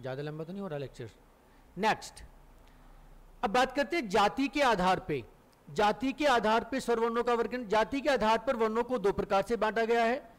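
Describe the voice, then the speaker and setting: Lecturing his classroom, a middle-aged male Hindi teacher throws questions to the students and supplies the answers himself, his voice sitting high. To demonstrate, he elongates his vowels.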